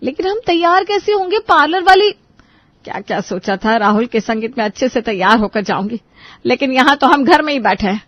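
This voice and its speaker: A woman's voice: high-pitched, expressive, a little fast, a bit bright, no echo. A woman voicing a fussy, dramatic middle-aged mother of the groom in a cartoon story. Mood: fretful. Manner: dramatic, complaining.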